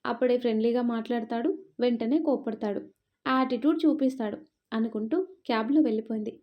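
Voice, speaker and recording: A woman narrates a scripted romance story, acting out each character's dialogue with lively, expressive turns. Her voice sits a little high. The recording sounds dull and lo-fi. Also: fast talker. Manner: expressive, switching between narration and character lines. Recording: dull lo-fi audio.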